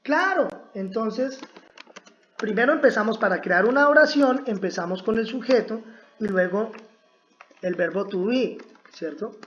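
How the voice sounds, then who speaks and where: A woman's voice: fairly high pitch, a little slow, lo-fi sound, a little hiss or hum. A woman teaching English grammar, speaking patiently and checking in often with her listeners. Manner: patient, repetitive, asks "¿cierto?" often. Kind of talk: slow, drilled grammar lesson.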